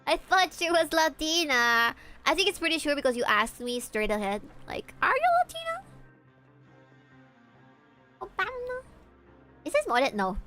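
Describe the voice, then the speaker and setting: Streaming a game with faint music behind her, a young woman from Peru, a native Spanish speaker, talks in a high voice at a measured pace with long pauses. She chats casually and animatedly, curses freely, and responds to her chat.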